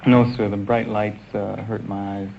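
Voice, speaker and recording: Man from el salvador, short polite answers, deepish, old muffled recording. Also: flat delivery, moderate pace, gravelly, a little mellow. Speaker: quiz show contestant. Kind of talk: answering questions. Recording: dull old broadcast with faint hiss.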